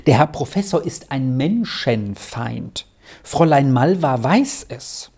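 A reader voicing a frightened young girl in a storybook, with a high, breathless, tearful way of talking. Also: lively intonation, slow, a little mellow, breathy edge, full character voice. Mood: earnest.

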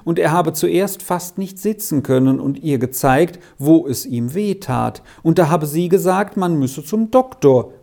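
A man narrating a children's story in a calm, measured reading. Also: fairly high pitch, creaky. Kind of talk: audiobook narration.

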